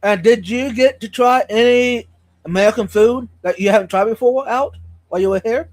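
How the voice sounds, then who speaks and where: A man chatting casually as a live stream co-host, halting and repeating words, his speech slightly impeded by a sore on his tongue. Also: very high-pitched, dry recording.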